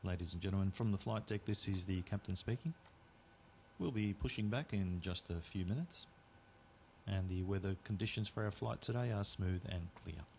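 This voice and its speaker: A man speaking as the captain over the cabin loudspeaker, with a calm and measured announcement. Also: low-pitched, gravelly, a little hiss or hum, pitched below the performer's own voice. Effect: pilot over the cabin loudspeaker.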